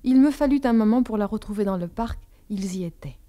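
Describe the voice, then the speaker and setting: Woman reading a novel aloud, calm even pace, warm mellow voice. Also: medium pitch, a little fast. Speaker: audiobook narrator. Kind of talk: literary audiobook narration.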